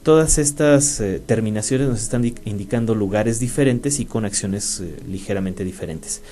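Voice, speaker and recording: A radio show host with a Mexican Spanish accent explains place names on an educational program from the studio. He speaks at a moderate pace in a warm, fairly low voice, often using fillers and starting sentences over.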